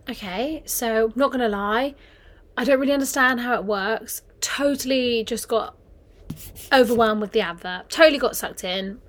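A young woman hosting her own podcast, chatting casually as an agony aunt, rambling and self-mocking, with the odd swear. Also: a little high. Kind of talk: casual solo podcast chat.

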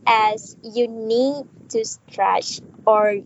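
A teenage girl with a fairly high voice speaks very slowly and carefully. Her muffled recording carries loud background noise throughout. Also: fairly even intonation. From Malaysia. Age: teens. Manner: slow and deliberate. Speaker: guest. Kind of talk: careful self-introduction.

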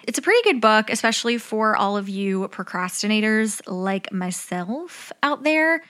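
A woman's voice: medium pitch, lively intonation, moderate pace, fairly bright tone. A young adult woman giving upbeat, organised advice like a vlogger, chatty and candid, with casual swearing.

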